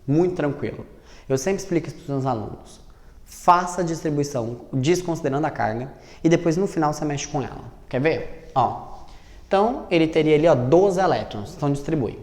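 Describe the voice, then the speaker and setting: A man teaching chemistry, lively, asking and answering his own questions and spelling out each step slowly. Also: a little high. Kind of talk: classroom lesson at a board. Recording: roomy echo with long reverb.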